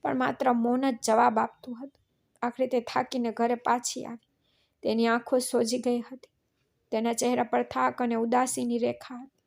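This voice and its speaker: A woman narrating a scripted family story in a flat, even reading. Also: on the high side, moderate pace, creaky.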